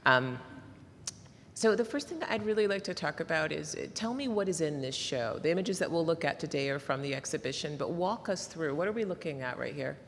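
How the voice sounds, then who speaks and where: A woman's voice: sits low, expressive, fairly quick, big-room sound, a little hiss or hum. A woman from Nashville, Tennessee, interviewing an artist on stage in reflective, long, hedging sentences.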